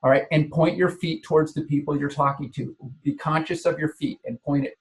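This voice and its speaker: A male business coach gives a lesson, his voice sitting a little high for a man. He talks with emphasis, restarting words and checking in with his listeners. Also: fairly even intonation, a little fast. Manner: emphatic, repeats key phrases; frequent verbal restarts and filler checks like "okay". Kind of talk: coaching lecture on body language.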